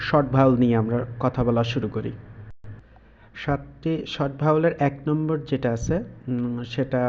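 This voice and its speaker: A man teaching a lesson in a slow, patient way, pausing often with fillers. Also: mid-range voice, mellow, lo-fi sound. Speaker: English teacher. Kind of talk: explanatory lesson.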